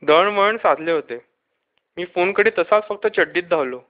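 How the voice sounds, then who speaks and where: A man narrating a children's storybook, switching into lively quick voices for the characters. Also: high voice. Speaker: audiobook reader. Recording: dull lo-fi recording.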